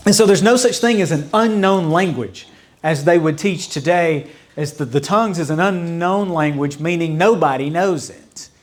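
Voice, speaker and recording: A fairly high-voiced man teaching a church Bible study as its pastor. He talks in a loose, conversational way, circling back to repeat his points and adding asides. At times he drops into babbling imitations that fade away. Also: moderate pace. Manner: conversational, explains with repetition and asides; mimics mocking babble with fading repeats.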